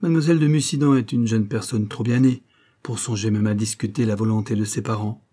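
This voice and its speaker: A man's voice: fairly low pitch, fairly even intonation, brisk, warm tone, lightly acted. A man voicing a sly, mocking old male law clerk in an audiobook, with a sneering, ironic manner. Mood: insinuating.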